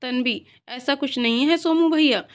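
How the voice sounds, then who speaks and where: A woman reading the part of a gentle young wife in a storybook tale, speaking earnestly and pleading. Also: sits high, normal speed, natural voice. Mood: playful.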